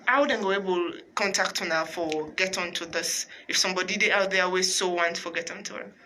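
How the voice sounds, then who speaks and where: A woman's voice: fairly low pitch, fairly quick, bright, forceful tone, a little hiss or hum. A woman radio host with a Sierra Leonean Krio accent, presenting conversationally in Creole mixed with English. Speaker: radio talk show host.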